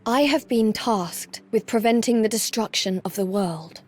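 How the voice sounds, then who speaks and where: A woman playing a stoic, duty-bound valkyrie goddess in a video game, speaking formally and with measured detachment. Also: medium pitch, a little mellow, a little hiss or hum, natural voice. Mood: solemn, detached. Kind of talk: video game cutscene acting.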